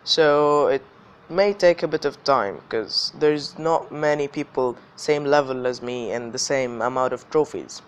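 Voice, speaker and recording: A man's voice: medium pitch, a little slow, clean tone. A man hosting a gaming video with casual gameplay commentary, his voice slightly affected by illness. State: slightly ill voice.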